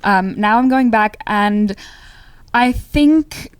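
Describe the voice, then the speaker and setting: A woman's voice: a little high, slow pace, smooth, no echo. A young adult woman from Austria, an actress and filmmaker, chatting upbeat and easily in a casual interview.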